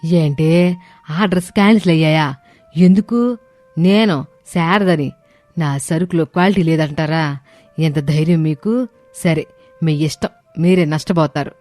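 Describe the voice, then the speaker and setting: A woman voicing a bossy, wealthy mother-in-law in an animated story, talking in a sharp, scolding way. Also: low-pitched, normal speed, no room sound, soft background music, lightly acted. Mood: indignant.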